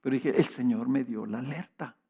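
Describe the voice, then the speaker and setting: This Mexican pastor, middle-aged, delivers his sermon at normal speed in a husky, dark-toned, medium-pitched voice. Personal anecdotes and rhetorical questions fill his conversational preaching.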